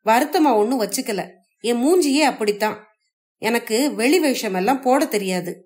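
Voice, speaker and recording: A woman's voice: a little high, normal speed, darkish tone, lightly acted. A woman voicing a hurt, jealous young wife in a family story read aloud, talking in reproachful, indignant outbursts. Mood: sullen.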